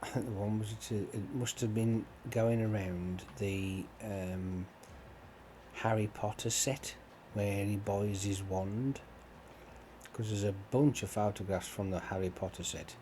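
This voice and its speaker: A man's voice: on the low side, a little slow. A man chatting in a meandering way while he plays a game, with lots of fillers and casual swearing. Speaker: gaming channel host. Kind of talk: rambling chat over gameplay. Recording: steady background noise.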